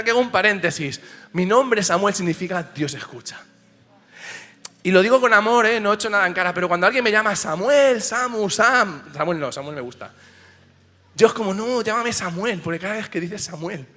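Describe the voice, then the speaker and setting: Pastor guy preaching, high bright voice, gets quiet then loud, piano playing soft behind. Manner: passionate, swings from hushed to shouting. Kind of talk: sermon. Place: church auditorium.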